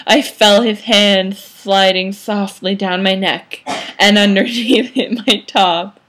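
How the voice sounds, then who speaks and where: A young adult woman, an amateur reader, reads fan fiction aloud theatrically and mock-dramatically in a small room, picked up by a webcam or laptop mic at arm's length. Her voice is medium in pitch, steady in tone, slow and fairly bright.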